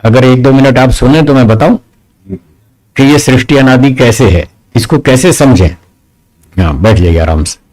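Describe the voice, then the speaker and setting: This man, is a spiritual teacher answering questions in a question-and-answer session. His voice sits in an ordinary middle pitch. He lays out arguments step by step, often asking rhetorical questions. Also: normal speed, a little mellow, rough recording. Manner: patient, explains step by step, asks rhetorical questions; firm with questioners.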